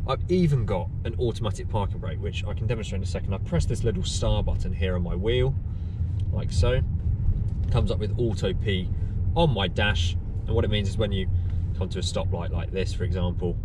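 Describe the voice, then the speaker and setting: A man's voice: fairly low pitch, moderate pace. Rambling man vlogging in a car. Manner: chatty, rambling, with many ums and restarts. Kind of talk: casual vlog to camera. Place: inside a parked and moving car. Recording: distant mic with clear car noise.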